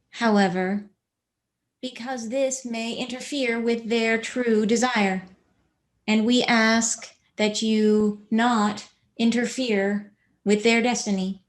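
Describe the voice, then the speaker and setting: A woman channeling a spiritual message in a slow, measured, solemn way, speaking as a collective. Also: fairly high pitch.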